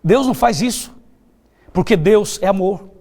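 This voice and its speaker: High-voiced Brazilian pastor telling stories. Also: male voice, moderate pace, a little mellow. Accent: Brazilian Portuguese. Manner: storytelling, conversational, asks listeners questions. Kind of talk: televised sermon.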